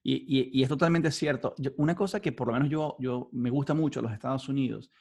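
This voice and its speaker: A man from Venezuela hosting a conversational interview, animated and repeating words as he starts sentences. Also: medium pitch, quick pace, creaky, husky.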